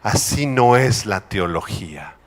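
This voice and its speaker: Emphatic preacher, lively pitch. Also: male voice, a little slow, in a large hall. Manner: emphatic, calls congregation to repeat phrases. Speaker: pastor. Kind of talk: sermon.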